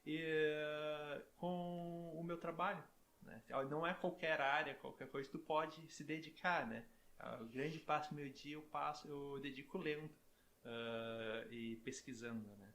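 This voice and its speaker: A middle-aged man from southern Brazil chats easily as an interview guest, tagging his sentences with "né?" and restarting now and then. His voice sits a little high for a man, with a faint hiss of noise behind it. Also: fairly even intonation, a little slow, a bit bright. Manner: chatty, with frequent "né?" tags and restarts. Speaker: guest, university professor. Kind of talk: relaxed interview chat.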